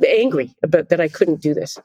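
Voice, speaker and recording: A middle-aged woman, a conductor and interview guest, telling animated, self-deprecating stories in casual conversation. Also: sits low, brisk, slightly rough, dry recording. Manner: animated, self-deprecating anecdotes with frequent laughter.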